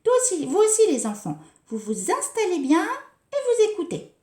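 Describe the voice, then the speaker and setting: A woman's voice: extremely high pitch, big pitch swings, moderate pace, a little mellow, pitched above the performer's own voice. A woman voicing Lola, an eager, cheerful little girl who answers in a chirpy sing-song voice. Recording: roomy echo.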